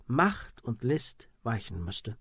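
A man in a measured, solemn reading of a historical court record. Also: mid-range voice, big pitch swings, a bit bright, breathy edge, dry recording, studio quality. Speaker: narrator.

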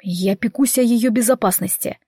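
A woman voicing a stern, protective necromancer father who speaks curtly and calmly. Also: fairly high pitch, moderate pace, breathy edge, dry recording, clean studio sound. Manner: curt, calm.

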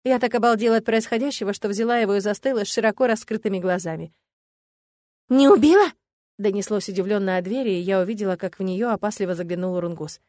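A woman's voice: medium pitch, fairly even intonation, fast, darkish tone, dry recording. A woman narrating a first-person fantasy audiobook on a close studio mic.

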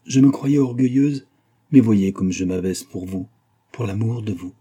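Guy reading as a lady begging her proud lover, husky low voice, earnest and pleading. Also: measured pace, warm tone. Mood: impassioned pleading. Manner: impassioned, pleading. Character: passionate wealthy lady pleading her love. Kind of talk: audiobook reading of a novel.

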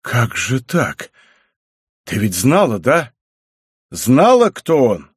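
A man's voice: mid-range voice, wildly swooping pitch, takes it slowly, husky, dry recording, studio quality, heavily acted. A man doing a bitter old clan head. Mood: despairing.

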